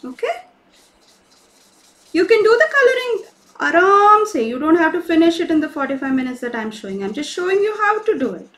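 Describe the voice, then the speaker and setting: A woman leading a live craft class for children, cheerful and coaxing, often checking in with questions. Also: very high-pitched. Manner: cheerful, coaxing, asks kids many questions. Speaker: craft teacher for kids. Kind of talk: live online kids' craft session.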